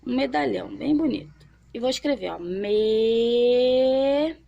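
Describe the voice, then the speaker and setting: A young woman teaching a children's literacy lesson, drawing as she talks and slowly sounding out syllables, often checking in with the listener. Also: high-pitched, lively intonation, vocal fry, a little mellow, husky, lo-fi sound. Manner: checks in often with tag questions.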